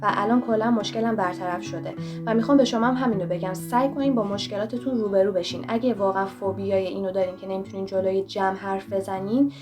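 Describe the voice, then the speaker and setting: A woman's voice: mid-range voice, steady tone. A young woman vlogger giving motivational advice, talking straight to the viewer in a direct, coaching way. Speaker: self-help vlogger. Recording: voice over clear background music.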